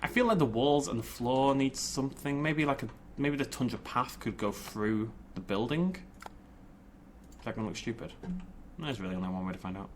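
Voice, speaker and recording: A gaming video host gives casual, informal commentary, thinking out loud and playfully talking to the game. His voice sits at medium pitch with a moderate pace, and there's a little hiss or hum in the audio.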